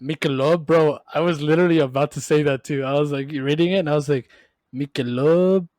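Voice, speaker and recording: A man's voice: on the high side, fairly even intonation, fast, a little mellow, dry recording. A tipsy man co-hosting a podcast, chatting casually with profane slang and bits of Spanish. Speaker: podcast co-host. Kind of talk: casual banter with friends.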